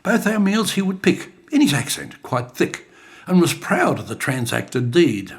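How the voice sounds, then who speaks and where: An older man recites his own bush poetry in a studio, dramatic and expressive. His rather high voice is gravelly and swings widely in pitch. He takes his time over every line. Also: measured pace. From Australia. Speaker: bush poet. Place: creative studio.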